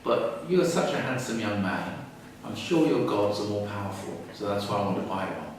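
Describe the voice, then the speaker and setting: A man's voice: fairly low pitch, moderate pace, slight background noise, natural voice. A man doing a sweet old lady of eighty-five. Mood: flattering. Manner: sweet, flattering. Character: old woman in her eighties, gullible and flattering. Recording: roomy echo, far from mic.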